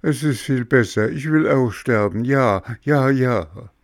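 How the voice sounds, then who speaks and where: A man doing a high sobbing Pinocchio. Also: slow pace, creaky, darkish tone, no room sound, studio quality. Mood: sobbing plea. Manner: sobbing, pleading. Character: wooden puppet boy, tearful and remorseful.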